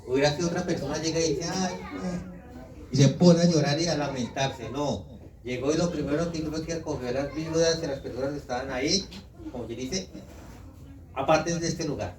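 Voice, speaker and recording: A man with a Colombian accent preaching a lively sermon, asking the congregation questions and acting out quotes. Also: on the high side, fast. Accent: Colombian Spanish. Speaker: visiting pastor. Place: church hall. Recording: echoey hall, mic far off, congregation audible.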